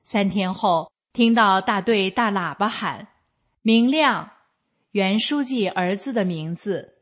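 Slow, measured woman reading aloud. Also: mid-range voice. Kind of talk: scripted reading of a first-person account.

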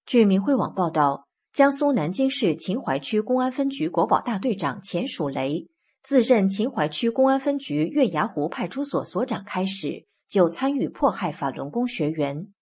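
A woman reading scripted news reports in a steady, formal manner. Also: mid-range voice, moderate pace, slightly rough. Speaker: news reader.

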